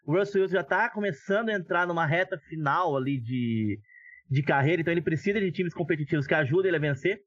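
A man's voice: fairly high pitch, animated, quick pace, a bit bright, dry recording. A Brazilian man giving opinionated, casual sports analysis as a podcast commentator, on dull lo-fi audio.

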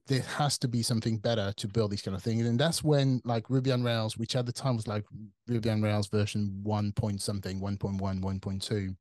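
A French man in his forties, a tech company CTO, is a guest in a casual interview, speaking with a French accent. His mid-range, slightly mellow voice is recorded dry, and he thinks aloud with fillers and restarts.

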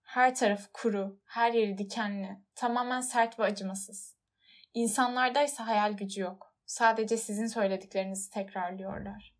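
A woman narrating a storybook audiobook in a measured, expressive reading voice. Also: mid-range voice.

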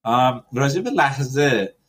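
A man's voice: medium pitch, lively intonation, a bit bright. Man, podcast host, casual rambling chat, lots of fillers, english loanwords.

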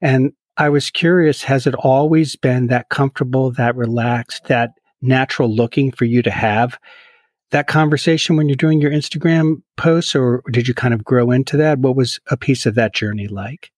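A man's voice: medium pitch, normal speed, a little mellow, no echo, studio quality. A man hosting an interview podcast, talking in a friendly, chatty way with some restarts. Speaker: podcast host. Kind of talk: casual interview chat.

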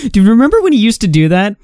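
A man's voice: extremely high pitch, mellow, dry recording. A man hosting casual commentary, with laid-back, dry remarks. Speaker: commentary host.

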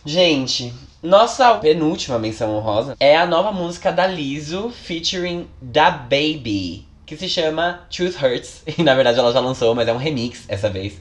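A man's voice: fairly high pitch, lively intonation, moderate pace, hardly any pauses. A man, co-hosting a casual music podcast and running through new releases with jokey asides. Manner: chatty, reads news with jokey asides. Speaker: podcast co-host.

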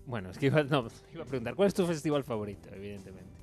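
A man's voice: mid-range voice, expressive, racing, darkish tone, faint music behind. A man hosting a casual conversation, asking questions and joking with his guests. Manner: asks questions, jokes, laughs often. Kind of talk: casual chat.

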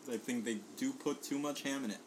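A man's voice: medium pitch, a little fast, a little hiss or hum, low-quality recording. A man from Puerto Rico chatting casually about food he brought, swearing often and filling gaps with ums and laughs. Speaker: guest bringing food. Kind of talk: casual food tasting chat.

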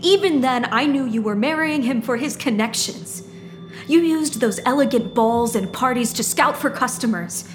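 An actress playing a stern mother who founded a secret poison trade, speaking gravely and reproachfully. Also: high voice, lively intonation, normal speed, slight background noise. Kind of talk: audio drama acting.

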